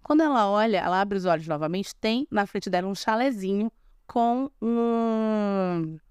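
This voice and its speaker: A young Brazilian woman retells a fairy tale in a loose, chatty way, breaking off for sarcastic asides and restarting her sentences. Her voice is smooth and clear. It sounds dry and close on a podcast mic. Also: medium pitch, lively intonation, measured pace, darkish tone, no room sound. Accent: Brazilian Portuguese. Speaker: podcast host. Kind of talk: casual storytelling with commentary.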